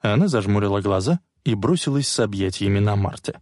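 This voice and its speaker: A man's voice: on the low side, animated, a little fast, darkish tone, dry recording. Man narrating a story, dry close sound. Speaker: audiobook narrator. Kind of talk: scripted narration.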